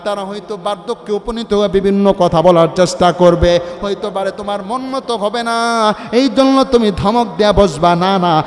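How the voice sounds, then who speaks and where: A male preacher with a Bangladeshi Bengali accent giving a waz sermon, moving from soft talk into loud sung chanting. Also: high voice, normal speed. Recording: long hall reverb with faint music.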